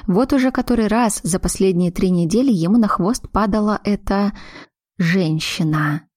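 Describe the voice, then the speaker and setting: A woman narrating an audiobook in a steady, measured reading. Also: medium pitch, no room sound, studio quality. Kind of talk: scripted narration.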